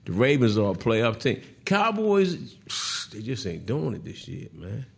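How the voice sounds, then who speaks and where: Gravelly-voiced man hosting a sports talk show. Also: on the low side, unhurried. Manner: animated, laughing, teasing rival fans; repeats words and restarts often. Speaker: host.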